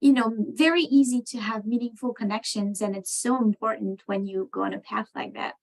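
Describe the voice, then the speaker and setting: A woman from France, answering interview questions on a video call, talking thoughtfully with many pauses and fillers. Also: on the high side, fairly even intonation, vocal fry, poor audio. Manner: thoughtful, many ums and you knows. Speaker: program participant.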